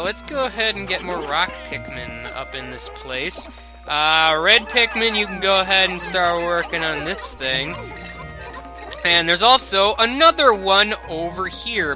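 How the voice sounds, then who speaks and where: A young man casually commenting on a video game as he plays, rambling and jokey, with sudden loud excited outbursts. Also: fairly high pitch. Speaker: let's play commentator.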